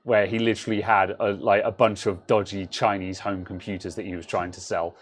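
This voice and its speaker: A man's voice: fairly low pitch, level tone, a little fast, breathy edge. A British man co-hosting a casual tech talk show, joking and laughing often as he chats with his co-host. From United Kingdom. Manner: jokey, laughs often, slips into silly voices. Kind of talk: casual banter.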